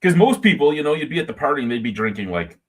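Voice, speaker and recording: This man in his forties co-hosts a podcast and chats casually over a video call, spinning long, rambling stories and swearing freely. His voice is fairly high, rapid-fire, with big swings in pitch.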